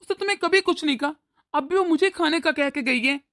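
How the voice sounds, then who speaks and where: Woman doing a weary old cartoon father-in-law, high-pitched, soothing and pleading. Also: fairly quick, a bit bright. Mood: placating. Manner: pleading, placating. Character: weary older father-in-law, calm peacemaker. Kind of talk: cartoon voice acting.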